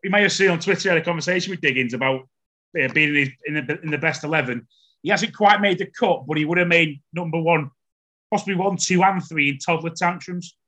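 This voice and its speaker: A man's voice: on the high side, fast, bright, forceful tone. A man hosting a casual podcast chat, telling stories in a chatty way and repeating words as he starts them. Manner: chatty storyteller, stammers when starting a story. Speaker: podcast host.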